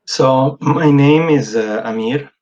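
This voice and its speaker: A man in his thirties from Italy, a guest telling his story in a casual interview, often pausing with fillers and restarting. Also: mid-range voice, a little mellow. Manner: hesitant, many fillers and restarts. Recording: dull lo-fi sound.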